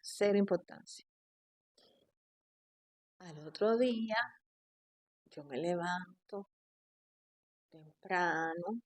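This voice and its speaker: A woman from Cuba with a Cuban accent, confiding a personal story in a casual vlog, often dropping her voice low. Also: dry recording. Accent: Cuban Spanish. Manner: intimate, confiding, drifting quieter. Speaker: vlogger.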